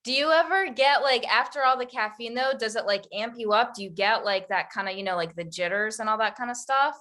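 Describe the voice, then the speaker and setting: A woman's voice: fairly high pitch, brisk, pushed and bright. A woman hosting an interview, talking in a friendly, easygoing way with many fillers. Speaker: podcast host, interviewer. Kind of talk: casual interview chat.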